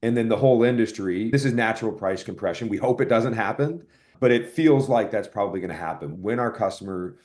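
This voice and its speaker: A software product executive appears as an expert guest on a podcast, explaining things analytically in conversation and correcting himself as he thinks aloud. His voice is fairly low and darkish, and he talks fairly quickly.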